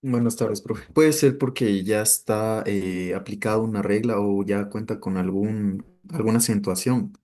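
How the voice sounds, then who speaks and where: A man student answering his teacher tentatively on a video call, with pauses and hedges. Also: lowish voice, warm tone, faint music behind.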